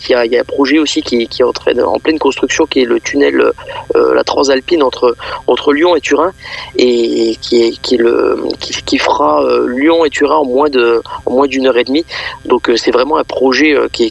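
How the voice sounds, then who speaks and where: Speaking unscripted in a radio interview, this festival organiser hesitates and frequently repeats words partway through phrases. He has a creaky, mid-range voice.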